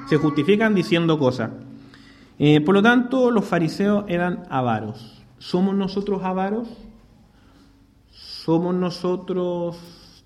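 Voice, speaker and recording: A man preaching a sermon in a conversational way, often tagging rhetorical questions and acting out the excuses people make. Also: a little high. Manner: conversational preaching with frequent rhetorical "¿cierto?" tags; acts out excuse-makers in quoted voices. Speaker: pastor.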